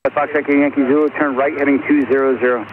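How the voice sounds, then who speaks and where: Fast-talking controller over crackly radio. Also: male voice, medium pitch, flat delivery. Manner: brisk, rattles off clearances. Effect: heard over a crackly two-way aviation radio. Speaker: air traffic controller. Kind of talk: clipped radio phraseology. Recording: tinny radio channel with loud static.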